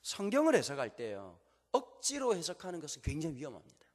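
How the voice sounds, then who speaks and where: Lively Gyeongsang-accented preacher in a hall. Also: male voice, a little high, quick pace. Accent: Gyeongsang Korean. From Gyeongsang, Korea. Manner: humorous, lively storytelling. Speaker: pastor. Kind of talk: sermon with storytelling.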